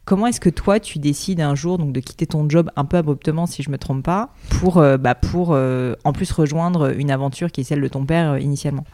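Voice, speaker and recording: A woman hosting a podcast, her voice mellow and warm as she works through long, winding questions. She pauses and hesitates often, and she is recorded close with no room sound. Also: deep voice, no room sound. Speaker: podcast host. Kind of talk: casual podcast interview.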